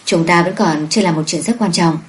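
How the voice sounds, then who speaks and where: A woman's voice: on the low side, brisk, lightly acted, rough recording. Field: audiobook husband. Figure: woman voicing a cold, teasing young husband. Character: domineering young husband, lazy, cold, possessive.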